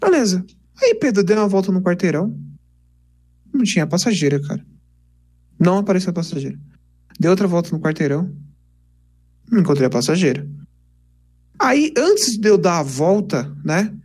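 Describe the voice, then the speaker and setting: A young man, casually telling lively stories on a podcast. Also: sits high, normal speed, long pauses, breathy edge. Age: 20s. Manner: animated, chatty, peppers speech with "cara". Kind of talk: casual storytelling chat.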